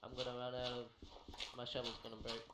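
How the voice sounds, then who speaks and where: A man casually chatting while playing a game with a friend, mostly flat and dry with sudden startled yelps. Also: medium pitch, fast talker. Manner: dry, self-described monotone, with sudden yelps. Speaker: gamer. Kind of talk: casual gameplay chat. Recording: roomy home recording, faint hiss.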